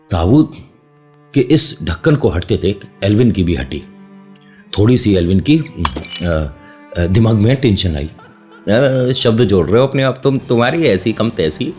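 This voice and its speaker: This man has a lowish, darkish voice and hosts a storytelling session, casually spinning a horror tale. He keeps breaking off for joking asides to his listeners and playful tangents, all in a chatty manner.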